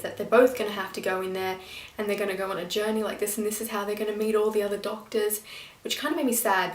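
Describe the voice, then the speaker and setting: A young woman still in school, chatting casually in a rambling, excitable way as a fan reviewing a show. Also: mid-range voice, recorded from a distance, slight background noise. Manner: rambling and excitable, with frequent fillers and asides. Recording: roomy echo, voice a little off-mic.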